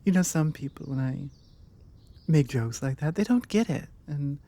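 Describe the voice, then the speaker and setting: In an intimate one-sided ASMR roleplay, a British woman voices a forward, bookish, flirtatious vampire. Her voice sits low yet animated, and she muses softly and wordily with playful, hesitant pauses in a warm, flirtatious mood.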